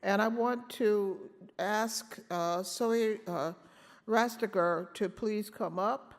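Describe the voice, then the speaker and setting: A woman hosting a conference session, introducing judges with a halting, filler-heavy delivery. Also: mid-range voice. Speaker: conference host. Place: large conference hall. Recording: hall reverb.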